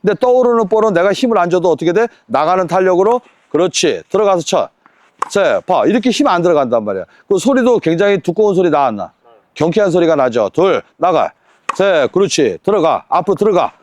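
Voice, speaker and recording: A man coaching a tennis lesson on court, counting drills and firing quick rhetorical questions at his student. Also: high voice, very animated, darkish tone.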